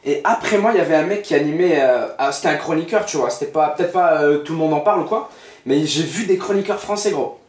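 A man hosting a podcast, chatting casually and quickly, slangy and excitable as he questions his guest. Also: fairly high pitch. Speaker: podcast host. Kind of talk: casual chat. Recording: echoey room.

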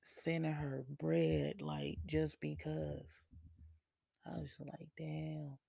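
A man hosting a podcast, chatting casually and laid-back, swearing freely and laughing often, with a gravelly, husky voice. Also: fairly high pitch, very animated, takes it slowly, mellow, no echo. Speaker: podcast host. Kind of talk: casual solo chat.

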